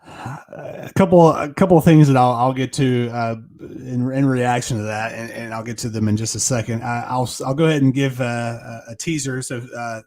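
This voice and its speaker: A man's voice: medium pitch, fairly even intonation, a little mellow. Playful man co-hosting a sports podcast. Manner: playful, jokey, quick asides. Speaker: podcast co-host. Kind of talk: casual sports chat.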